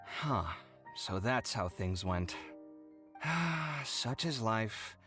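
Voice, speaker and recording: A man's voice: medium pitch, drawn-out words. An actor playing a dramatic, emotional young man, a fussy and huffy housemate in a video game. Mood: weary, concerned. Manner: theatrical, huffy, expressive. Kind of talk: animated video game voice acting. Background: music.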